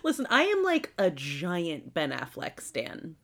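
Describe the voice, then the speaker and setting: A woman in casual film chat, expressive and quick to laugh. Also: fairly low pitch, creaky.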